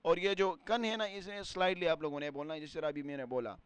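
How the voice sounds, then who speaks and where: A man teaching a beginner English lesson, explaining in Urdu and repeating words and phrases slowly for learners. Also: fairly high pitch, fairly even intonation, smooth, no echo.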